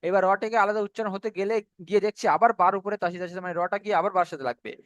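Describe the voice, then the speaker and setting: A man with a fairly high voice teaches Quran recitation, walking through each rule step by step. He draws out the recited words slowly so they can be copied. The sound is close and dry, with no room echo. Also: fairly even intonation, muffled recording. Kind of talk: online tajweed lesson.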